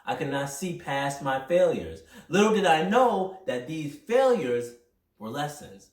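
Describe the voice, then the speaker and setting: A young man hosting a podcast, talking through a personal motivational monologue in an energetic, rambling, self-reflective way. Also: fairly high pitch, measured pace. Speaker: podcast host. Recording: roomy echo, mic at a distance.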